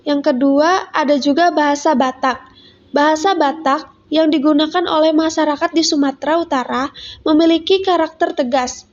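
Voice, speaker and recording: A woman student reading an educational narration in a steady, careful way. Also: sits high, normal speed. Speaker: student presenter. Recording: dull lo-fi sound.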